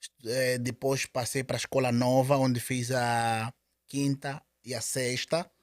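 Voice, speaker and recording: The recording is clean studio sound with no room echo. The man, whose accent is Angolan Portuguese, talks unhurriedly in a level, mid-range voice as a casual interview guest, frequently stumbling, repeating himself and starting over.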